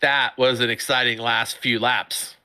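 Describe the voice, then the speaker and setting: A middle-aged man giving chatty, excitable sim racing commentary, often laughing. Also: mid-range voice, unhurried, clean tone. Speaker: race commentator.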